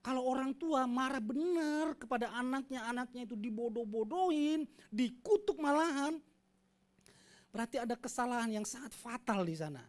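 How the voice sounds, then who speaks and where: A man's voice: very high voice, lively intonation, moderate pace. A man preaching a Sunday sermon as pastor, conversational and emphatic, leading the congregation in reading aloud together. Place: church service with congregation.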